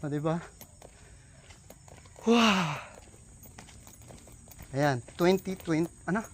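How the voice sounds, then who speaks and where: A man's voice: high-pitched, measured pace. A man vlogging as he hikes a steep mountain trail, out of breath, exclaiming often and talking to his viewers. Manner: excited, exclaims often, addresses viewers as trippers. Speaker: travel vlogger. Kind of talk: casual walking travel vlog. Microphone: handheld phone.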